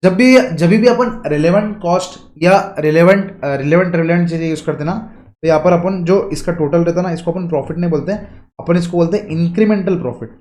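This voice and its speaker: High-voiced male exam tutor. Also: a little mellow, echoey room. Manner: explains step by step, repeats key lines, asks students questions; reads English lines slowly and stretched out. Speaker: teacher. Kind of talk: exam coaching lecture.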